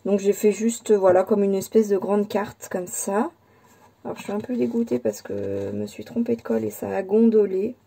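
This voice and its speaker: A woman's voice: medium pitch, expressive, normal speed, creaky, mellow, husky. A woman casually presenting a handmade scrapbook album, hesitant and full of fillers and restarts. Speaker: scrapbooking channel host. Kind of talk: casual crafting show-and-tell.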